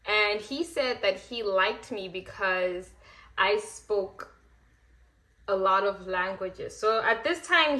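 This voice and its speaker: A woman in her twenties, from Rwanda and raised in South Africa, telling a story in a chatty, animated way and acting out the people in it. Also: medium pitch. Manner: chatty, animated, acts out quoted voices. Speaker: vlogger. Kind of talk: casual storytime while getting ready.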